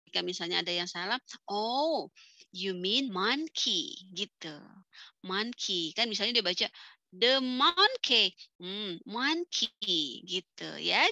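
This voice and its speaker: A woman's voice: mid-range voice, vocal fry, sharp tone, no echo. A young woman with an Indonesian accent giving an online class, talking in a chatty way, mixing English into her speech and laughing often. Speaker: English teaching lecturer.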